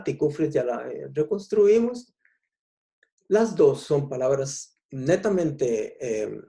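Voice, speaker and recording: A man with a Costa Rican accent giving an explanatory public talk on language history, unhurried and pausing often with "eh". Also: fairly high pitch, warm tone. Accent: Costa Rican Spanish. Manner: unhurried, explanatory, frequent "eh" pauses. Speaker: lecturer.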